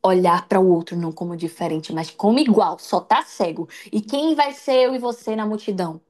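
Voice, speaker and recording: A Brazilian woman preaching an emotional, testimonial sermon in a live stream, swinging between loud cries and hushed lines. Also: mid-range voice, expressive, moderate pace. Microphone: livestream.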